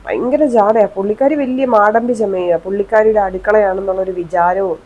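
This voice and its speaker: A woman playing a sulky young daughter-in-law who grumbles and gossips in a slow, drawn-out way. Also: mid-range voice, darkish tone, highs cut off, natural voice. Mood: grumbling.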